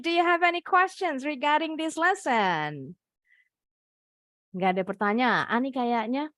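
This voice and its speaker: A woman's voice: high voice, measured pace, fairly bright tone, dry recording, studio quality. A woman English teacher with an Indonesian accent, patiently explaining and praising students during an online class.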